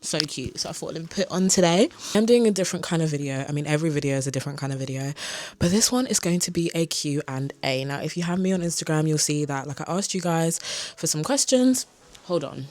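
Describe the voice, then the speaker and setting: A South London woman in her twenties, whose accent blends London and Kent, answers viewer questions in a casual bedroom vlog while sitting on a beanbag chair. Her low, slightly mellow voice is animated and fast, full of candid, chatty asides. The camera in front of her picks it up cleanly with no echo.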